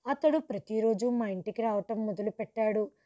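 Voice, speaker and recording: A woman telling a first-person story in a steady, earnest narrating voice. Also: medium pitch, normal speed, lo-fi sound.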